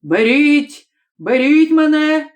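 A woman reading an audiobook, voicing a hot-tempered male nationalist passenger who bursts into indignant shouting. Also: fairly high pitch, slow pace. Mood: ranting.

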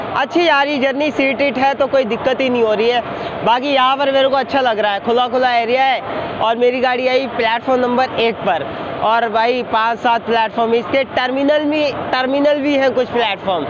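A young man vlogging his train journey at night, talking chattily to viewers from the platform and the coach doorway, filming with a phone at arm's length. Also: high voice. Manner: chatty, addresses viewers as bhai and guys. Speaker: travel vlogger. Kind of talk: casual travel vlog. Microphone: phone camera at arm's length. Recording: dull lo-fi phone audio with train noise.

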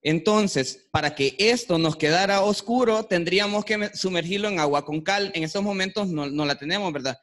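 Male artisan demonstrator, bright and high-pitched, hesitant and explanatory. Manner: explanatory, hesitant, fills pauses with "eh" and "este". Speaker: artisan guest presenter. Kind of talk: demonstration talk. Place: workshop room with attendees.

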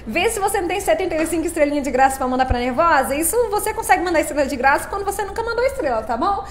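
A woman's voice: extremely high pitch, lively intonation, racing, slight background noise. A woman chatting on a live stream, playful and laughing often as she greets her viewers by name. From Brazil.

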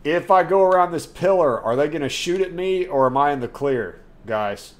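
Excitable man streaming a game. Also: on the high side, moderate pace. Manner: excitable, swears, talks straight to chat. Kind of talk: live gameplay commentary chatting with viewers. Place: home room at his desk.

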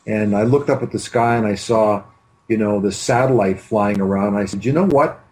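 Speaking at a normal pace with a lowish, somewhat dark tone, a male Canadian film director looks back on his career in a halting, wandering video-call interview. He sits in a home room with bookshelves, heard through a computer microphone.

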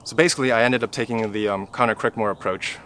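Young man, lowish voice, relaxed, halting with fillers, outdoor garden, faint ambient noise. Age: young adult. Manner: relaxed, thinking aloud with many fillers. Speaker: first-year farmer. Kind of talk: casual interview. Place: backyard vegetable garden outdoors.

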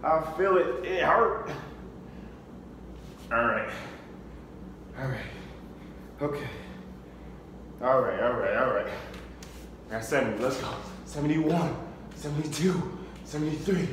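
A man's voice: medium pitch, slow pace, pauses often. Echoey young man straining through push-ups. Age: young adult. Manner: doing push-ups, effortful counting and exclaiming. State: physically strained, tired. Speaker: fitness vlogger. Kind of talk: casual workout vlog, counting reps and self-motivating. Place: concrete-floored garage or basement gym. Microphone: camera on floor a few metres away. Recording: echoey hard-walled room, background furnace noise.

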